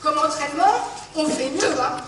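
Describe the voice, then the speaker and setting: A woman's voice: high-pitched, normal speed, distant mic, natural voice. An actress on stage playing a breathless, brash woman taxi driver who rattles off exact numbers. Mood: brash, chatty. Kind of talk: amateur stage play. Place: theatre stage. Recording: echoey hall miked from afar, background noise.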